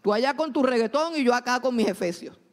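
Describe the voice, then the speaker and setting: A woman preaching a sermon, swinging between loud exhortation and hushed asides. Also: a little high, lively intonation, fast talker. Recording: long hall reverb.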